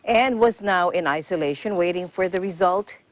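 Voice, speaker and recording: A woman's voice: on the low side, moderate pace. A woman narrating a scripted news report as a reporter.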